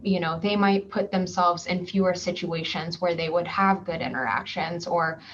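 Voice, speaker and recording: A woman's voice: on the low side, steady tone, normal speed. Woman explaining patiently on a dull call. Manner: clear, patient explaining with frequent ums and worked examples. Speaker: clinician presenting at a conference session. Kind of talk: explanatory conference talk. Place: home or office, remote virtual session. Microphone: computer mic on a video call. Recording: slightly dull virtual-conference audio with faint background noise.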